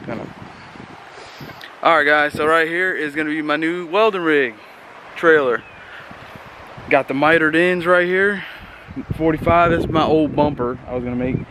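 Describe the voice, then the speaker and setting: A man's voice: on the high side, moderate pace, long pauses, rough recording. A man giving a casual, rambling vlog walkthrough in an informal, folksy way, talking to his viewers. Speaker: vlogger showing equipment bought for a business. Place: outdoors on a windy day. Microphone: handheld camera, flipped between self and subject. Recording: loud wind and outdoor noise on microphone.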